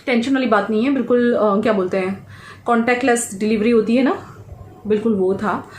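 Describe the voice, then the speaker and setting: Vlogger, woman, 30s, from India: chatty and emotional, higher voice, echoey home room, faint hiss. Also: brisk. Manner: excited, emotional, chatty, mixes in English phrases. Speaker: daily vlogger. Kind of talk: casual vlog talk to camera. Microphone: handheld vlogging camera.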